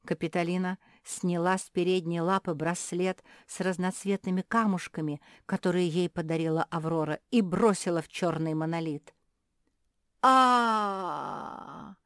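Lady reading a kids story, expressive, dry mic. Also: lowish voice, normal speed, dry recording.

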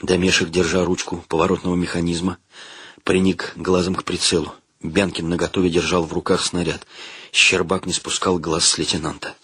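A man narrating a war story audiobook in a measured, steady reading. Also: sits low, breathy edge, dry recording. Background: faint music.

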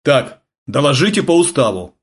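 A man's voice: a little high, sing-song, moderate pace, pitched above the performer's own voice. A man voicing a stern, tense naval senior lieutenant who gives curt, commanding orders in an audiobook. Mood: angry. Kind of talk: audiobook character voice.

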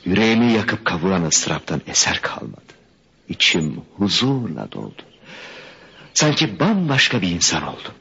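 A man's voice: low voice, sing-song, moderate pace, creaky, pushed and bright, slightly rough, full character voice. An actor playing an anxious, remorseful young man haunted by a blood feud, speaking emotionally and sometimes in whispered inner thoughts. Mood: dazed calm. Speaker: radio drama actor. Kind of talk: 1970s-style Turkish radio theatre acting. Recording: muffled archival radio recording with faint hiss.

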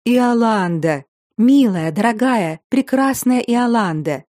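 A woman voicing an anxious, eager young noble lady who pleads in hurried tones. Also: on the high side, animated, darkish tone, no room sound, clean studio sound, voice pushed up.

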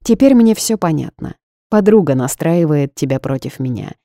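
A woman's voice: low-pitched, expressive, normal speed, mellow, no room sound, studio quality. A woman doing a smug seductive boss. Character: smug seductive male boss, calm and commanding.

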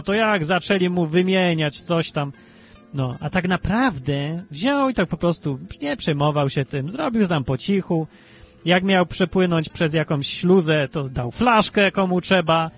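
A fairly high, husky male voice hosting a talk radio show, emphatic and rambling. It comes through a low-bitrate stream with faint music underneath. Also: normal speed. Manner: animated, rambling, emphatic with many restarts. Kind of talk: casual political talk radio chat.

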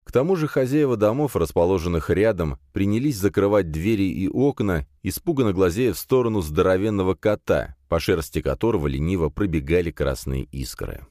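A male audiobook narrator with a low, deep voice reads in the first person with lots of dramatic movement in his pitch. The recording is close and dry, with no room sound at all. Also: a little fast, hardly any pauses, dry recording. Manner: expressive, dramatic reading.

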